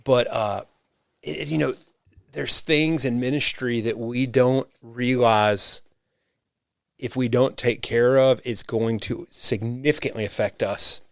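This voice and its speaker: A man's voice: medium pitch, fairly even intonation, takes it slowly, gravelly, no echo, studio quality. A man hosting a podcast and serving as a rural pastor, talking in a reflective, rambling way with frequent restarts. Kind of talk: casual conversation.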